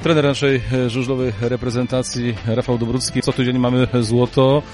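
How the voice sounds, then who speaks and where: A man's voice: medium pitch, little pitch movement, moderate pace, a little mellow, faint music behind. A male sports reporter interviewing riders and a coach and reading results, asking short leading questions.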